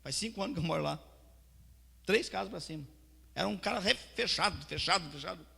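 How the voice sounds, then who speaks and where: A man preaching a sermon as pastor, telling his testimony with fervent storytelling that swings from soft to loud. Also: high voice, a little fast, gravelly, breathy edge. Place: church hall. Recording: reverberant church hall.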